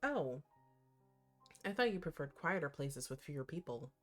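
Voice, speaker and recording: An expressive, playful woman doing casual, slangy reaction commentary and reading game text aloud. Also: sits low, moderate pace, faint music behind. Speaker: reaction host.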